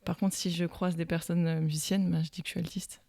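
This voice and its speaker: A woman's voice: on the low side, little pitch movement, fast, creaky, warm tone, no echo. A woman from Alsace, France, guest in an interview, talking casually and hesitantly with many fillers and restarts. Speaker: guest, violist and speech therapist.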